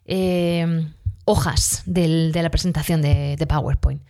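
A woman's voice: sits low, fairly even intonation, slow pace, warm tone. A woman teacher with a cough, chatting casually about a class and often correcting herself mid-sentence. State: has a cough. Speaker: school teacher. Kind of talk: casual spoken account of a class.

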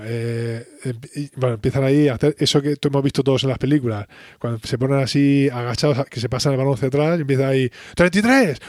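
A man's voice: medium pitch, no room sound, clean studio sound. A man, retelling a sitcom episode in casual chat and acting out the characters' lines. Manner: animated storyteller, acts out characters' lines in quick voices. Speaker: podcast host recapping a sitcom episode.

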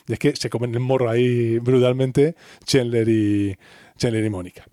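A man's voice: mid-range voice, steady tone, moderate pace, warm tone, no echo, studio quality. A man co-hosting a casual podcast, recapping an episode and acting out the characters' lines in put-on voices, laughing often. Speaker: podcast co-host.

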